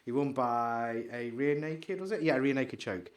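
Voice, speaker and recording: Guy rambling on a podcast, excitable, mumbles off when distracted. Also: mid-range voice, moderate pace. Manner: rambling, excitable, trails off into mumbles while searching. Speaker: podcast co-host. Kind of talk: casual chat.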